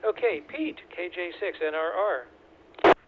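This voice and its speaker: A man's voice: high-pitched, very animated, a little slow. A man running an amateur radio net roll call, talking unhurriedly with many fillers, heard over a two-way radio. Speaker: net control station operator. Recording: tinny radio with faint static.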